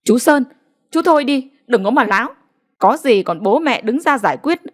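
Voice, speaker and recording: A woman voicing a sharp-tongued village sister-in-law who scolds and commands in a storybook reading. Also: on the high side, lively intonation, moderate pace, voice pushed up. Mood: angry scolding.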